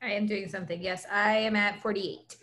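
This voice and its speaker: A woman's voice: medium pitch, steady tone, brisk, a bit bright. A woman playing a board game, teasing her partner and checking on the game state. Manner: attentive, teasing, keeps track. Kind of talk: casual game chat.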